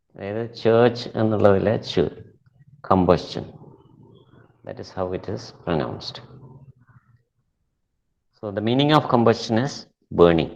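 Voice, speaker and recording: A man teaching an online class, speaking deliberately and repeating words slowly to model pronunciation, and switching into Malayalam to explain. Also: fairly low pitch, creaky, a little mellow, muffled recording. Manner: switches between English and Malayalam. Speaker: English teacher.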